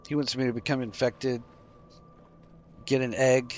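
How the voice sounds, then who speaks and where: A man's voice: mid-range voice, unhurried, a little hiss or hum. A tired man streaming a game, casually explaining each move as he plays. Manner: relaxed, explaining while playing, yawning. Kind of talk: casual gameplay commentary. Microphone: desk microphone.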